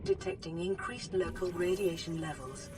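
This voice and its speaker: A voice actor voicing a calm, soothing onboard care computer in a game, giving even, clinical announcements through a synthetic filter. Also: mid-range voice, normal speed, vocal fry, background noise. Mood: calm, reassuring. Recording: distant game voice under loud music.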